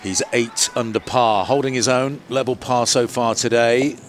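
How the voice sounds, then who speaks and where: A man gives live golf commentary in a medium-pitched voice. His play-by-play is measured and rises into excitement, with prominent music underneath. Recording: commentary over music and outdoor ambience.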